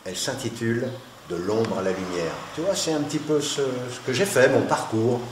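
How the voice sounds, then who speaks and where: A man playing a self-assured artist who talks calmly about his work, his voice ringing with a cathedral echo in a vast hall. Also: mid-range voice, normal speed. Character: man, successful artist now living in the mountains, friendly and self-assured. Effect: cathedral echo, voice ringing in a vast resonant hall. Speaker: artist, sculptor and painter. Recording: cathedral-like echo, faint noise.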